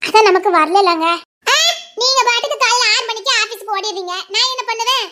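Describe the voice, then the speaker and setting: Really high-voiced woman, playful wife, chatty and coaxing. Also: brisk, pushed and bright. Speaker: wife in a village family drama. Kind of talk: colloquial Tamil family drama acting.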